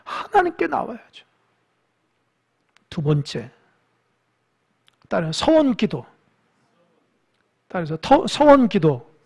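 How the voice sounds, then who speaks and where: A pastor preaching a sermon in a lively way, putting questions to the congregation and exhorting them. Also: mid-range voice, takes it slowly, creaky, long pauses, husky. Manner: animated, asks the congregation questions; exhorting, with quiet stretches.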